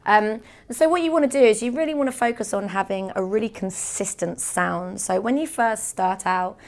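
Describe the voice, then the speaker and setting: Creaky-voiced woman teaching beatbox. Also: medium pitch, moderate pace. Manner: patient, step-by-step demonstrating. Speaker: beatbox instructor. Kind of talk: tutorial explanation.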